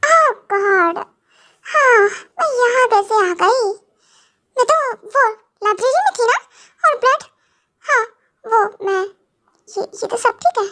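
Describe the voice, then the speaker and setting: A woman's voice: very high voice, lively intonation, slow pace, pauses often, sharp tone, full character voice. A young woman voicing a naive, childish young wife in an amateur audio drama, whiny and speaking of herself in the third person. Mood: confused.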